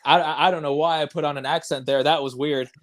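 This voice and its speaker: A man's voice: fairly high pitch, fairly even intonation, fast, very noisy. A man hosting a casual livestream movie chat, rambling with frequent chuckles. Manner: rambling, laughing often. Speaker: host.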